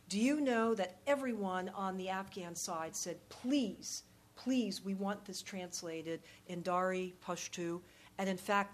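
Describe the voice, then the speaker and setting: Woman answering questions, halting and diplomatic. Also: medium pitch, a little hiss or hum. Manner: halting, measured, diplomatic, frequent pauses and repeated words. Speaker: panel speaker, policy expert or diplomat. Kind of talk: unscripted answers at a public question-and-answer session.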